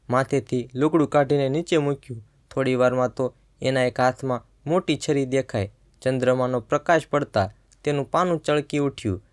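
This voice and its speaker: A man's voice: medium pitch, a little mellow. A man narrating a first-person story in a tense, suspenseful way.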